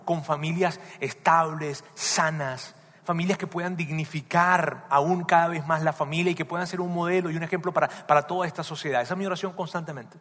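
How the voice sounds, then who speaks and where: A man preaches a sermon as a pastor, his slightly high, fairly bright voice sounding emphatic as he repeatedly puts direct questions to his listeners. The recording carries the long reverb of a large hall.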